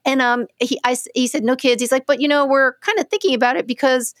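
Animated storytelling podcast woman, dry sound. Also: high voice, fast talker, no echo. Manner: animated storyteller, acts out quoted speech. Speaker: podcast co-host. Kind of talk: casual conversation.

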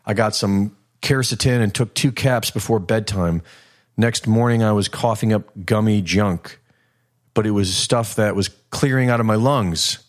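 Low-voiced guy chatting on his podcast, lots of ums, loose and rambly. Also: measured pace. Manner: rambling, relaxed, many ums and restarts. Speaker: podcast host. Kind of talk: casual solo podcast, reading listener comments.

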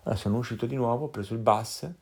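A man telling his child a story from his own life, acting out sounds and voices with lively energy. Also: medium pitch, rapid-fire, background noise. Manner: animated, acts out voices and sounds.

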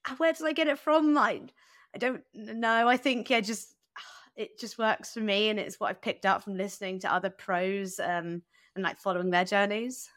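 A young woman talks as a podcast guest in a loose, chatty way, her sentences full of fillers and quick asides. Her voice is bright and forward, and the close mic leaves it dry with no room sound. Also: mid-range voice, no room sound. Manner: chatty, lots of "like" and "um", laughs easily. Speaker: guest runner. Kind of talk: casual podcast interview.

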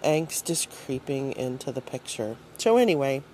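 An older woman from the United States leaving a gushing, animated voice message as a listener. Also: extremely low pitch, normal speed, slight background noise. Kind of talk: recorded voice message.

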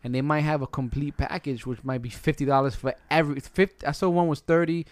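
A man's voice: on the high side, steady tone, quick pace, no room sound. A man hosting a casual podcast chat in slangy, bro-like, colloquial speech. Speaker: podcast host.

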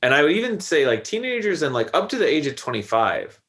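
A man's voice: on the high side, very animated, fast talker, fairly bright tone. A man in his thirties, a podcast guest, talking reflectively in a loose, rambling way full of fillers. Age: 30s. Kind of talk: casual conversation.

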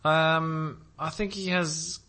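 A man's voice: on the high side, fairly even intonation, slow, bright, forceful tone. Sarcastic man co-hosting a podcast. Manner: dry and sarcastic, laughs at his own jokes. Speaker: podcast co-host. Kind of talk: casual chat.

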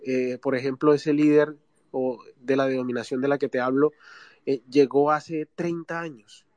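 A man's voice: mid-range voice, steady tone, normal speed, darkish tone, dry recording, lo-fi sound. Hesitant Colombian Caribbean man calling in. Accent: Colombian Caribbean coast. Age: 30s. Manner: hesitant, many fillers. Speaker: caller. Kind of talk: live audio space call-in.

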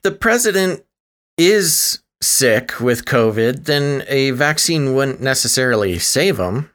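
A man's voice: medium pitch, animated, takes it slowly, fairly bright tone. A man co-hosting a casual podcast, making wry, sardonic asides. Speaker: podcast co-host. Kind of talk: casual political chat.

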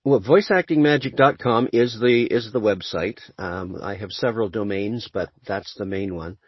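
A man being interviewed as a voice actor, talking in a relaxed, conversational way with dry humor. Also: lowish voice, moderate pace, breathy edge, no echo. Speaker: voice actor guest. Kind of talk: casual interview chat. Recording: muffled lo-fi audio.

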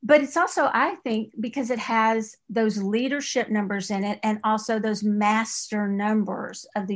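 A woman with an East Texas accent, chatting as a podcast guest in a rambling way, with frequent restarts. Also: medium pitch. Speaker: podcast guest, author and crystal store owner. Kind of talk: casual interview chat.

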